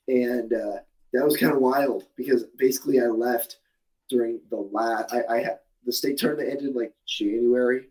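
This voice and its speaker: A man's voice: medium pitch, darkish tone, poor audio. Rambling young man in his twenties. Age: 20s. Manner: rambling, many restarts and fillers, laughs at himself. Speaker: guest. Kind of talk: casual interview.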